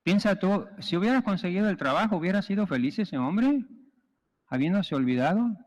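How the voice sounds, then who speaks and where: A priest preaching a sermon and telling stories with humor in an animated way, in a long church reverb. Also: male voice, sits high, fairly quick.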